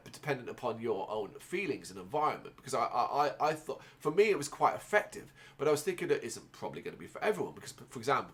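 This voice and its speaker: Rambling man in a personal monologue. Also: medium pitch. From Ireland. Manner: rambling, halting, with many restarts and fillers. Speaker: podcast host.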